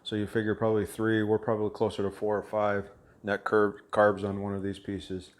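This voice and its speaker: A man hosting a casual home cooking vlog, talking in a halting way with many fillers and restarts. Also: lowish voice, monotone. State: talking with his mouth full. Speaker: cooking channel host.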